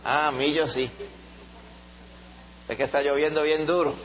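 Animated preacher, muffled recording. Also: male voice, a little high, a little slow. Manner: animated storyteller, acts out voices. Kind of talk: Bible study sermon. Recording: muffled recording with faint hum.

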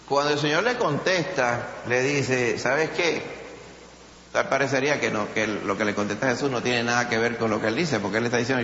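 A man with a Puerto Rican Spanish accent preaching a sermon, animated, acting out quotes with a rising voice. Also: medium pitch. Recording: echoey hall, dull sound, faint noise.

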